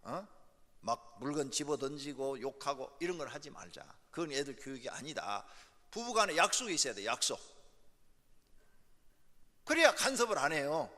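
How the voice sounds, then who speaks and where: A man's voice: a little high, big pitch swings, normal speed, pauses often, sharp tone. A male pastor preaching a sermon, emphatic, driving points home by repeating key words. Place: church sanctuary. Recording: echoey church hall.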